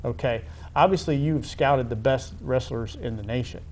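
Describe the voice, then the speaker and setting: A middle-aged American man, a high school athletic director, conducts a conversational sports interview in a halting, wordy way, often repeating phrases. His voice is medium-pitched, with slight background noise.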